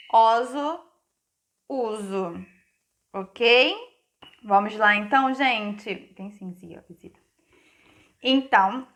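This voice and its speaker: Brazilian woman, primary teacher, higher voice, encouraging and chatty with small children. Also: a bit bright. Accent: Brazilian Portuguese. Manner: encouraging, sing-song, checks in often with "ok?" and "né?". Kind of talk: remote class for young children.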